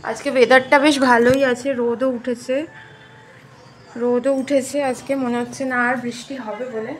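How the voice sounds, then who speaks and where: A woman's voice: a little high, flat delivery, normal speed. A young woman chatting casually to her viewers as friends in a home vlog, filmed on a phone at home. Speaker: home vlogger. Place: family home. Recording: noisy home recording.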